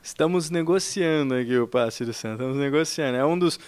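A man in casual chat telling a work story, animated and acting out old conversations, saying "cara" often. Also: mid-range voice, fairly quick, smooth, no room sound. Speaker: podcast co-host telling his work story.

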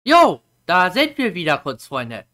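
Woman youtuber, chatty explainer, lively swooping pitch, slangy. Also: measured pace. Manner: animated, chatty, slangy, acts out quotes. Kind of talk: casual explainer video.

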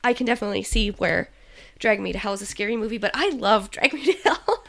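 A woman's voice: mid-range voice, expressive, fast talker, creaky, a bit bright. A woman co-hosting a podcast, chatting casually with plenty of ums and easy laughs. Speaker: podcast co-host. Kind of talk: casual chat.

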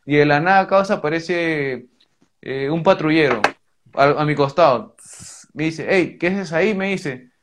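A man's voice: on the high side, unhurried, noisy background. A young man from Peru with a Lima slang accent, telling a story in casual chat, full of swearing and fillers. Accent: Peruvian Spanish, Lima slang.

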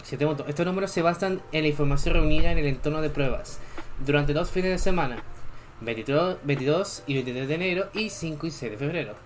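Reading out game patch notes, a young man from Chile streams in a fairly high, fast voice over slight background noise. He keeps things casual, dropping chatty remarks to viewers between each point.

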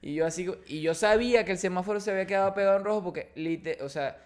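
A man's voice: sits high, fast talker, smooth. A man, co-hosting a podcast and telling stories in casual chat. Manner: storytelling, animated, uses "literal" and "o sea". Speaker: podcast co-host.

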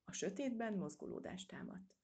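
A woman reading a children's storybook aloud in a steady, measured way. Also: mid-range voice, vocal fry, breathy edge. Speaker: audiobook reader. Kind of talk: storybook narration.

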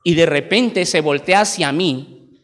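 A Mexican pastor in his forties with a high voice, preaching in an animated, emphatic storytelling style. His words carry through the long reverb of a large church hall. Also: a little slow. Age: 40s. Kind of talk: sermon.

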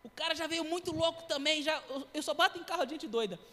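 A man in his thirties giving a sermon testimony, telling his story in a lively way with acted-out quotes and sound effects. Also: extremely high pitch, fast talker, in a large hall. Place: church.

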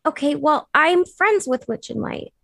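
A woman's voice: high voice, animated, measured pace, creaky, a bit bright, dry recording. A woman playing a tabletop game, talking casually as she role-plays in her own voice. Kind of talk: casual in-character role-play.

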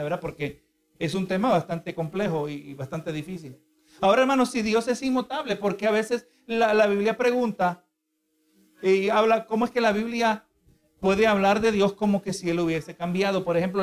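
A man preaching a sermon in a teaching tone, asking the congregation rhetorical questions. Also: high voice.

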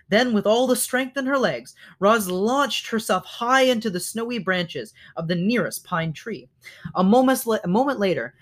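Someone reading a kids' novel out loud, fixes little slips as they go. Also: mid-range voice. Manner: stops to correct slips. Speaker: reader. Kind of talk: reading a children's novel aloud.

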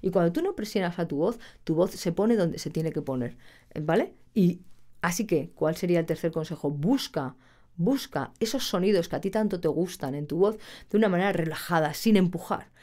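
Brief: woman singing coach, slightly low pitch, animated and playful. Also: fairly quick. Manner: animated, acts out students and shouts, laughs often. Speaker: singing teacher. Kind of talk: casual video lesson.

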